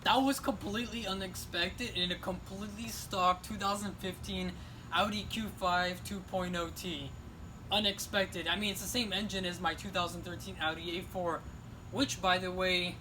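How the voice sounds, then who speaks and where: A man with a fairly high voice walks around a car, talking it up with casual enthusiasm. It is recorded on a phone held in his hand outdoors. A faint hiss of outdoor air sits under his voice. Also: fairly even intonation, normal speed. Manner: chatty, enthusiastic, pointing things out. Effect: phone video recording. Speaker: car reviewer. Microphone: phone camera held in hand.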